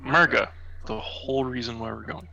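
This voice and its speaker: A man's voice: medium pitch, fairly even intonation, normal speed, vocal fry, pushed and bright, dull audio. A man playing a tabletop role-playing game, chatting casually in and out of his role. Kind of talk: casual role-play chat.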